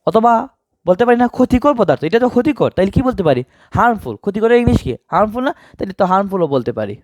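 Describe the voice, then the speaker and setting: A man's voice: sits high, big pitch swings, quick pace, a little mellow, dry recording. A man teaching an exam-prep grammar lesson, asking questions and answering them himself.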